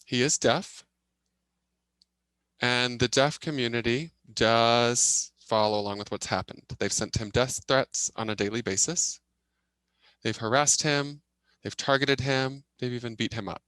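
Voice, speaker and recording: A man voices a signed presentation as a simultaneous interpreter. His voice is bright and forceful at a medium pitch, and his phrasing comes in short, halting bursts. The sound is close and dry. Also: fairly even intonation, clear, resonant tone, dry recording, rough recording. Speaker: sign language interpreter voicing a deaf presenter.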